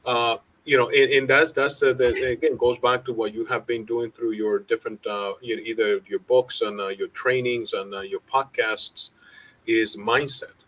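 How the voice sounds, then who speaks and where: A man co-hosting a business podcast who talks about accounting earnestly, with frequent restarts and pauses. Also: mid-range voice, steady tone, fairly bright tone, rough recording. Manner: halting, many fillers and restarts, earnest. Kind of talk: casual business chat.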